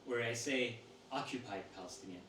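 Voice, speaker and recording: A man reading a woman's interview answers aloud to an audience in a steady, measured voice. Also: mid-range voice. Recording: roomy sound from a distant mic with faint noise.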